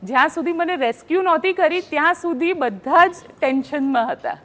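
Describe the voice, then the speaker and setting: A woman journalist recounting field-reporting stories in a casual panel chat, animated and acting out quotes. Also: high-pitched, normal speed. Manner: animated storyteller, acts out quotes.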